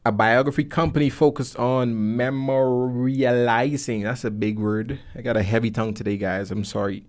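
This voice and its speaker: Close to a boom-arm studio mic, a young man from Guyana with a Caribbean accent hosts a casual podcast. His mid-range voice is a little mellow, fairly even in intonation, at normal speed, and he leans on jokey slang while presenting and interviewing.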